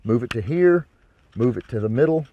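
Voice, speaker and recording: Out in the brush beside a ravine, a hunting instructor and presenter walks through a casual hands-on demonstration, explaining things in a folksy, informal way. His mid-range voice has lively intonation and moves at a normal speed. The audio is narrow and tinny, with slight background noise.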